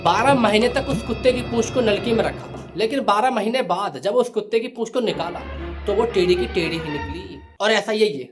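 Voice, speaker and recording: A man's voice: high voice, a little fast, close to an everyday voice. A man playing a short-tempered, exasperated male schoolteacher who rants and scolds, in a comedy sketch with tabla music behind him. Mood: ranting.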